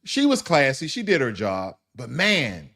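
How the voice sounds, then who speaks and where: A man's voice: mid-range voice, wildly swooping pitch, a little slow, a bit bright. A man hosting a news commentary show, mixing read-out news with blunt, informal asides and mocking jokes. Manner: mocking, laughs at his subject.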